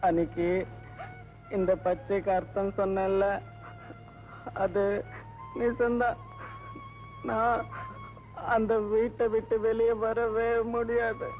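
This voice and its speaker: An actor playing a gentle, coaxing young village man in a dubbed film. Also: sits high, flat delivery, slow, pauses often, faint music behind. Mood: sad. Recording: narrow lo-fi film soundtrack.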